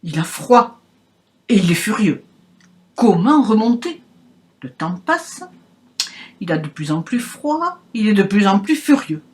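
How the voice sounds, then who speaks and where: A woman reading a children's picture book aloud in a playful, expressive way. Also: medium pitch, unhurried, pauses often. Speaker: reader.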